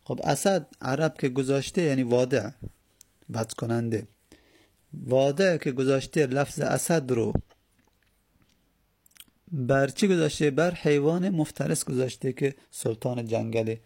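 A man's voice: mid-range voice, gravelly, pauses often, darkish tone. A man teaching a grammar lesson, patiently explaining step by step and answering his own questions.

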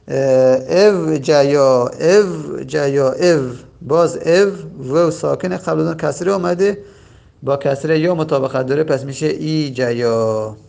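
A man teaching a grammar lesson, repeating each form slowly and spelling it out, with frequent hesitant fillers. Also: a little high, gravelly. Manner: patient, repeats forms slowly and spells them out; hesitant fillers between points. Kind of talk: lecture on Arabic verb morphology.

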